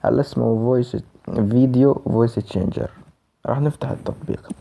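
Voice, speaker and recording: Speaking a little fast in a steady, gravelly, medium-pitched voice, a man with a Levantine Arabic accent walks screen reader users through an app step by step in a casual, informal tutorial. There's noise in the background.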